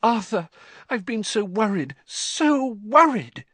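A male narrator puts on an anxious middle-aged mother witch from a storybook. She speaks in a high, swooping voice, doting and fretful, with emotion spilling into every exclamation. The sound is close and dry. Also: big pitch swings, takes it slowly, sharp tone, no room sound, full character voice. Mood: frantic relief.

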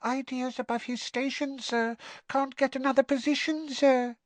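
A man voicing a tiny, timid female house elf from a storybook, with a quivering squeak and meek, servile broken grammar. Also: level tone, moderate pace, no room sound. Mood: sad, deferential.

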